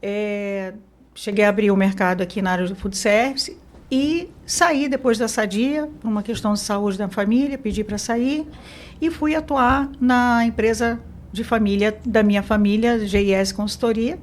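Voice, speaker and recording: A woman from Mozambique, a business consultant, telling her career story as an interview guest in a relaxed way with fillers and self-corrections. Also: medium pitch, moderate pace, slight background noise. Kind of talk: interview conversation.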